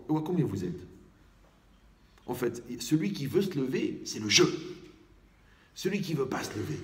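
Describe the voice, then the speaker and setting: A man, a rabbi, giving a lively Torah class to a live group, asking rhetorical questions and checking that listeners follow. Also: on the low side, vocal fry, roomy sound.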